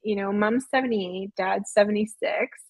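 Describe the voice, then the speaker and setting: Brief: late-forties woman guest, husky tone, dry close sound, candid and reflective. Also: mid-range voice, moderate pace, no room sound, rough recording. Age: 40s. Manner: candid, reflective, self-deprecating. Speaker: podcast guest. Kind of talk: casual interview chat.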